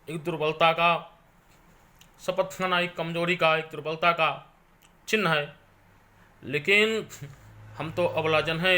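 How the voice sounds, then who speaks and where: Bright-voiced male teacher explaining verse. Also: on the high side. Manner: recites verse lines, then paraphrases them at length; repeats phrases often, fills with "jo hai". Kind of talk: explaining poetry in a class lecture.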